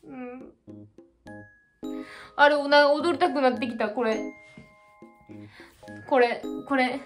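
A woman's voice: high-pitched, fairly even intonation, takes it slowly, soft background music. A drunk woman livestreamer with a Kansai Japanese accent, chatting casually in a rambling, repetitive way.

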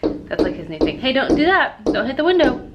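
A young woman vlogging casually at home, chatting to her viewers and switching to a high sing-song voice for her baby. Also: very animated, a little fast, lo-fi sound, heavy background noise. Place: at home, then by car at a park.

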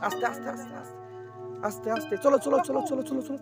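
High, fast-talking man urging caution. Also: steady tone, music in the background. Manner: urgent, keeps repeating words of caution. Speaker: ghost-hunting vlog leader. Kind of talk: hushed guiding commentary.

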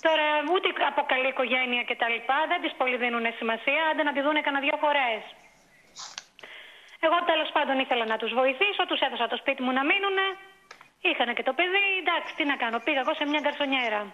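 A woman's voice: high voice, bright, forceful tone. A woman in her forties calling in to a talk show, telling a long complaint in an exasperated way, full of fillers. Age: 40s. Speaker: caller. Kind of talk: phone-in confession on a talk show. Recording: tinny phone line.

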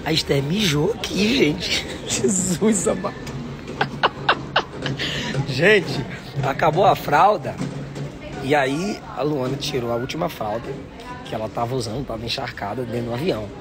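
A Brazilian pastor vlogging a trip in a busy airport, chatty and exasperated, often laughing. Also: male voice, medium pitch, a little slow, pauses often. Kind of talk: casual travel vlog to camera.

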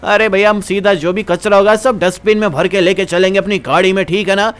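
A man's voice: high-pitched, fairly even intonation, a little fast, a bit bright, smooth. A young man, chatting casually to viewers as he plays a game. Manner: chatty, informal, addresses viewers. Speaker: gaming channel host. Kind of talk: casual game commentary with role-play.

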